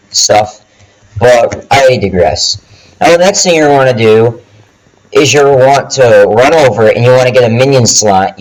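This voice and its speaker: Man on a crappy low-quality mic. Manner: chatty, casual, frequent ums and restarts. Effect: low quality microphone audio. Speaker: gaming video host. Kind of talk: casual game tutorial narration. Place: home, dogs nearby. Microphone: cheap headset microphone.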